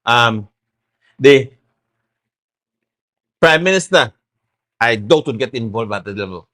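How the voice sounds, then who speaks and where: A man's voice: medium pitch, expressive, takes it slowly, a bit bright. Middle-aged Belizean man, talk show guest, hammers his points home and repeats them. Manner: emphatic, repeats points, acts out quotes. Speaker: guest, former party chairman.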